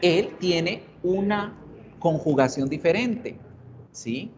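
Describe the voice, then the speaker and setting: A man's voice: high-pitched, expressive, slow, a little mellow. A man teaching an English grammar class online, explaining in Spanish and English, asking students questions and repeating example words. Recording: dull, lo-fi online class audio with faint hiss.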